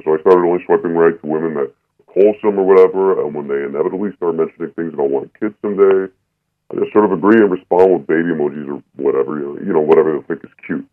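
Man, 30s, disguised deep voice-changer voice, very low, tinny phone line, blunt caller. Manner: blunt, unapologetic, halting. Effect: voice changer making it disguised and deep. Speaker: anonymous caller. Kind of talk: call-in radio conversation.

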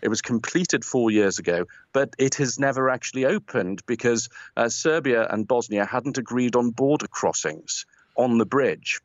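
A man's voice: mid-range voice, moderate pace, no room sound. Wry Liverpool-born man on a dull line. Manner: hesitant, wry, many fillers. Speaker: correspondent. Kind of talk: remote radio report.

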